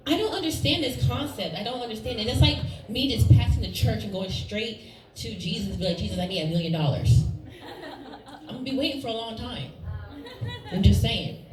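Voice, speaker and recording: A woman's voice: a little high, a little fast, crowd noise. A woman performing a stand-up comedy set, telling self-mocking, conversational stories about parenting. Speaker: stand-up comic. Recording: roomy, distant mic with faint ambience.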